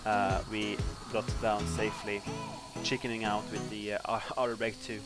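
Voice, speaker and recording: A young man with a Norwegian accent and a lowish voice casually comments on his flight-sim gameplay at a normal speed. He's relaxed and rambling, using lots of fillers, with music playing in the background.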